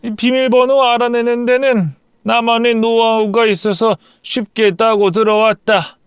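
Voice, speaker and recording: A man's voice: very high-pitched, level tone, moderate pace, clear, resonant tone, dry recording, clean studio sound, voice pushed up. A man voicing a crude old ex-convict father-in-law who bellows threats and then whines for forgiveness, in an audio story. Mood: pleading.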